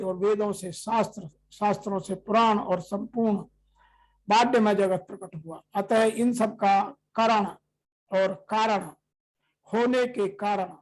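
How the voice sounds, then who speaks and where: A scripture teacher, reading verses slowly and then explaining them in a steady, measured commentary. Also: mid-range voice, rough recording.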